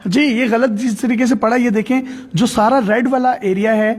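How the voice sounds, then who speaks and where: A man's voice: very high-pitched, fairly even intonation. A man hosting an interview, explaining an app step by step in devout phrasing. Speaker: host.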